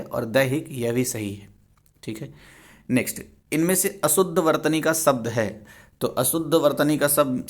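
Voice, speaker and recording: Young male language teacher, mid-pitched and conversational, drilling spelling corrections. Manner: explanatory, repeats words to correct spelling. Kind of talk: exam revision lesson.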